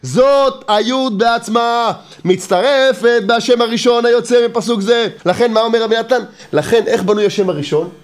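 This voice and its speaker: Man teaching Torah, very high voice, insistent and repetitive, rhetorical questions. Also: few pauses. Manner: lively, mixes in humor.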